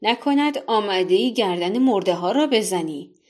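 A woman's voice: medium pitch, animated, close to an everyday voice. A woman voicing a shepherd who speaks bluntly and mockingly in a told folktale. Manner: scoffing, amused, blunt. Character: mocking, laughing male shepherd with a staff.

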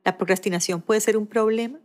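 Fast-talking Barranquilla woman coach. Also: mid-range voice, fairly even intonation. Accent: Barranquilla Colombian. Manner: warm conversational, fast-talking, self-deprecating asides. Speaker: podcast host and coach. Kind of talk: solo podcast monologue.

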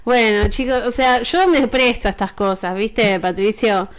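A woman's voice: on the high side, moderate pace, crowd noise. A woman with an Argentine accent, co-hosting a podcast in casual, playful chat, often laughing. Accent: Argentine Spanish. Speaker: podcast co-host.

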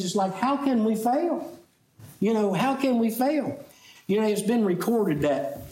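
Male pastor, higher voice, emphatic storytelling sermon, reverberant sanctuary. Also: a little mellow. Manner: storytelling preacher, slow emphatic lines, fillers.

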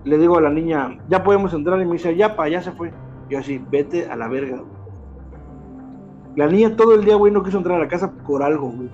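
A man's voice: on the high side, quick pace, dull audio, soft background music. A man in his thirties with a Mexican Spanish accent, telling a personal story in casual, slangy chat full of filler words. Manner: slangy, animated, peppers speech with filler words.

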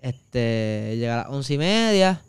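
A man's voice: medium pitch, sing-song, takes it slowly, smooth, dry recording. A man from Puerto Rico with a Puerto Rican accent, telling a long casual story on a podcast, full of fillers and crude slang. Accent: Puerto Rican Spanish. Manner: rambling anecdotes with many fillers and crude slang. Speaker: podcast co-host.

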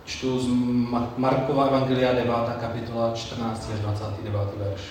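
A man's voice: medium pitch, level tone, a little mellow, a little hiss or hum. Man preaching in a very echoey hall. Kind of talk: sermon with Bible reading. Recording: very echoey room, mic far off, faint ambience.

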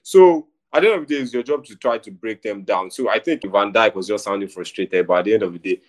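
A young man, co-hosting a casual football chat in a rambling, animated way. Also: on the low side, fast talker. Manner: animated, rambling, says "bro" a lot. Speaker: podcast co-host.

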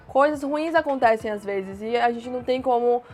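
A woman's voice: a little high, a little mellow, faint music behind. Woman teaching English phrases. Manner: explains plainly, repeats English phrases slowly. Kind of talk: casual language lesson.

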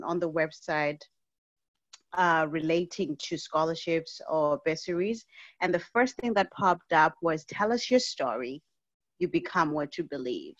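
A woman's voice: sits low, fairly bright tone, no echo, muffled recording. A woman from Zimbabwe, a physician and speaker, telling her life story as a podcast guest in an earnest, heartfelt way.

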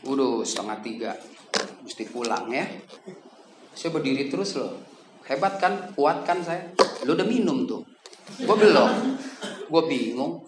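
A man preaching a lively, joking sermon to young people in a casual manner, with sudden loud bursts. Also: medium pitch, moderate pace, long pauses. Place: church hall. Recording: echoey hall with background noise.

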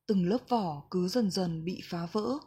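A woman reading a reflective book passage aloud in a slow, gentle, measured way. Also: on the low side, breathy edge. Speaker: book reader.

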